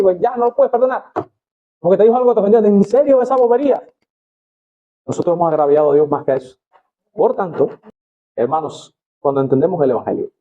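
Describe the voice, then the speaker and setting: A man preaching a sermon in Spanish as a pastor, reading scripture aloud with expressive rises and falls and addressing the congregation as brothers. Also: a little high, narrow, tinny audio.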